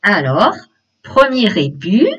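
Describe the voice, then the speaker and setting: A woman's voice: mid-range voice, sing-song, takes it slowly, a bit bright. A woman leading an online teacher-training webinar, explaining classroom games step by step and speaking directly to participants over a video call. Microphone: computer mic on a video call. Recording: dull lo-fi webinar audio.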